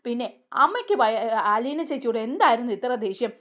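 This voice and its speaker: A woman's voice: a little high, sing-song, fairly quick, a bit bright. A woman voicing a young son who speaks earnestly, defending someone he is grateful to.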